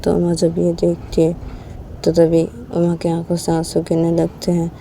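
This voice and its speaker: A woman's voice: on the low side, completely flat delivery, moderate pace, vocal fry, dark tone, slight background noise. A woman narrating a romance story in a loose, repetitive storytelling manner.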